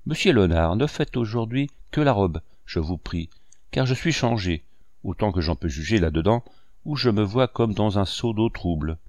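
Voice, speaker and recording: A man's voice: lowish voice, lively intonation, moderate pace, darkish tone, no room sound, studio quality, lightly acted. A man voicing a vain, fussy young married woman who chatters petulantly about herself in a storybook reading. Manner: petulant, self-absorbed chatter.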